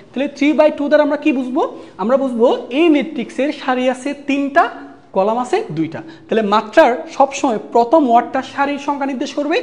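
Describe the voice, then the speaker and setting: A woman's voice: on the high side, a little mellow. A woman with a Bangladeshi Bengali accent teaching an online math lecture. She asks the students questions, answers them herself, and keeps checking that they follow. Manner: dictates notes slowly and repeats key terms.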